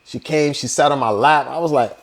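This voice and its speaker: A man's voice: a little high, a little fast. Laid-back man vlogging. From Liberia. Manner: laid-back and conversational, heavy on "you know" and "like". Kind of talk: casual storytelling vlog.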